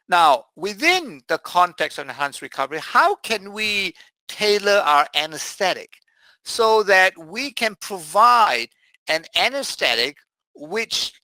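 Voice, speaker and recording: Bright-voiced man giving a medical lecture. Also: on the high side, no room sound, low-quality recording. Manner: measured, with frequent "uh" fillers. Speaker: anesthesiologist lecturer. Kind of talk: medical presentation.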